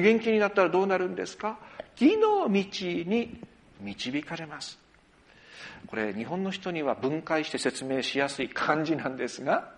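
Animated Japanese-speaking male pastor. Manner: animated storytelling with sudden rises and drops in pitch and volume. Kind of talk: sermon.

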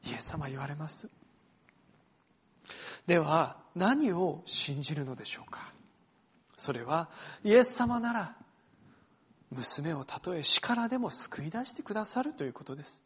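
Husky-voiced male pastor preaching earnestly. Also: high-pitched, very animated, normal speed, long pauses. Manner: earnest, swings between loud emphasis and hushed phrases; addresses the congregation directly, invites reading along. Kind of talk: sermon.

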